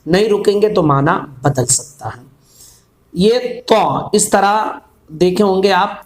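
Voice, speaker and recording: A man teaching a patient religious lesson, explaining point by point and repeating key ideas with everyday examples. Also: fairly high pitch.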